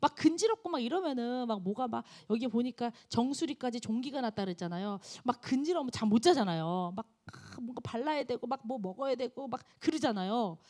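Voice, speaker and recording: A woman's voice: fairly high pitch, expressive, a little fast, hardly any pauses, darkish tone. A woman preaching a sermon to a college group, telling the story with animation and asking her listeners questions.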